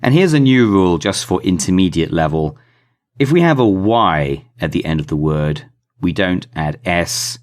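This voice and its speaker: A man's voice: sits low, lively intonation, moderate pace, darkish tone. A man teaching an English phonics lesson, spelling out letters and sounding out blends with careful emphasis on each keyword. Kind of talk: slow, deliberate phonics lesson.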